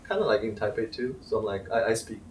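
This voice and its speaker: A man in his thirties from Taiwan, a crypto channel creator, answering interview questions in a casual, halting way full of fillers. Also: on the low side, expressive, a little mellow. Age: 30s. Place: Ledger's Paris headquarters. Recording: roomy, distant, faint background noise.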